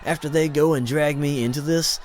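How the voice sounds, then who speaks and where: Cocky slangy hacker type voiced by a guy, higher and louder than the narrator, showing off. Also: steady tone, a little fast, some chatter behind, close to an everyday voice. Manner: brash, teasing, slangy. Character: cocky young hacker voice, show-off, brash.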